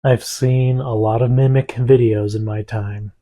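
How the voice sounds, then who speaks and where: A man speaks earnestly about a mimic video, his delivery flat and even. His tone is dark and mellow. He sounds serious and measured. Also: mid-range voice. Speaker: clip narrator.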